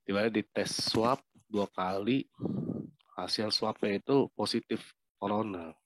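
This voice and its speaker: A young man gives an earnest, halting testimony of his illness from a quarantine hotel room. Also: lowish voice, no echo. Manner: earnest, halting, emotional retelling. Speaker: covid patient giving testimony. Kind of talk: personal testimony interview.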